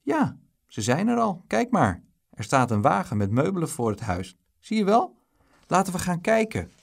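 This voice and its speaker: A man voicing a greedy, hot-tempered twelve-year-old boy who talks eagerly and flares up quickly. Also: sits high, big pitch swings, creaky, voice pushed up, exaggerated voice.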